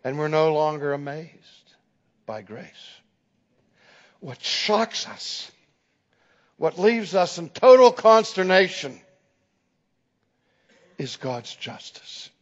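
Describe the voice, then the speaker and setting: A male preacher telling a story in a slow, deliberate sermon, his voice a little high for a man. It rings out with a long reverb in a large hall on a dull, lo-fi recording. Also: lively intonation. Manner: dramatic storyteller who acts out the people in his stories. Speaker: preacher and teacher.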